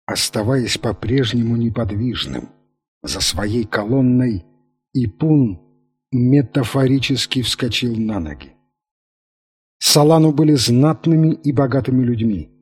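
A man narrating a novel aloud in a husky, mid-pitched voice. His reading is steady and measured, with the even pacing of a scripted audiobook.

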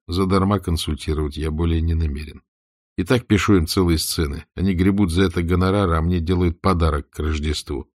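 A man reading a novel aloud as an audiobook narrator, in an even, unhurried literary reading. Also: sits low, dry recording, clean studio sound. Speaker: audiobook reader.

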